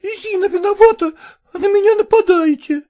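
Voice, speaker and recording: A woman's voice: very high voice, normal speed, dark tone, voice pushed up. A woman voicing a timid young daughter who protests tearfully, in an audiobook reading. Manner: tearful, whining.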